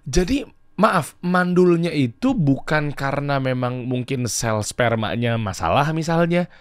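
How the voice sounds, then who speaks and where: A mid-pitched man hosts a podcast. He asks hesitant, careful questions and drops soft murmured reactions. The studio mic is close and dry. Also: lively intonation, a little slow, clear, resonant tone, no room sound. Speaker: podcast host. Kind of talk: podcast interview.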